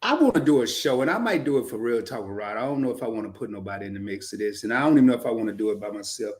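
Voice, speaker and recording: A man's voice: mid-range voice, expressive, racing, darkish tone. A man co-hosting a podcast in casual chat, playful and joking, often stumbling and restarting his sentences. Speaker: podcast co-host.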